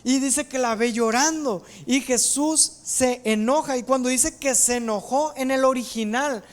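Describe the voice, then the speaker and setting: A woman preaching a sermon, retelling scripture as animated storytelling and acting out its voices. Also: high-pitched, unhurried.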